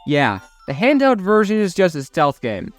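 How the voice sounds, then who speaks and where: A young man narrating a comedic game review, sounding exasperated and sarcastic. His voice sits a little high and moves around a lot. Faint music runs underneath. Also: huge pitch swings, moderate pace, no echo.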